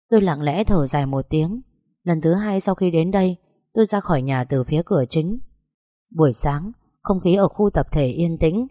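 Low-voiced woman narrating an audiobook. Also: dark tone, no echo, studio quality. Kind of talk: first-person audiobook narration.

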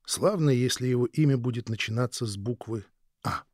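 A man voicing a gentle, weak young mother who speaks softly and tenderly, often almost in a whisper. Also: medium pitch, brisk, no room sound, clean studio sound, natural voice. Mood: teasing. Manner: soft, tender, fading to whispers. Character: gentle, frail young mother near death.

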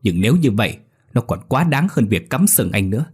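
A man reading a story aloud, voicing an angry betrayed young husband who accuses and shouts, in a husky low voice. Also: sing-song, a little fast, exaggerated voice. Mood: furious.

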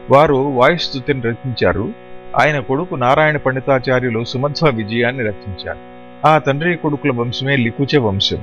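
Guy reading an audiobook, steady and explanatory, kinda dull lo-fi sound, soft music underneath. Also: mid-range voice. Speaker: audiobook narrator. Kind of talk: scripted narration.

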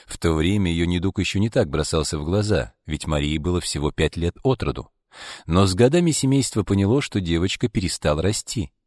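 Deep-voiced male audiobook narrator. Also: expressive, fairly quick, a little mellow, dry recording, studio quality. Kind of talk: scripted narration.

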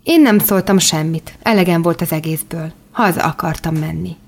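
A woman reading an audiobook in the first person, with calm, measured storytelling. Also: fairly low pitch, creaky. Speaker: audiobook narrator.

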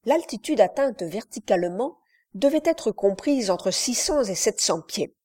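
A woman narrating a classic novel aloud in a measured, literary reading style. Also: mid-range voice, expressive, mellow, breathy edge. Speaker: audiobook narrator. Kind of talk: scripted narration.

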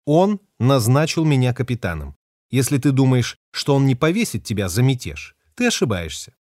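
A man's voice: mid-range voice, very animated, moderate pace, no room sound, clean studio sound. A man voicing a fierce, defiant young woman ship captain who talks sharply and curses. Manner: sharp, cursing, hissing. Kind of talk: audiobook character voice.

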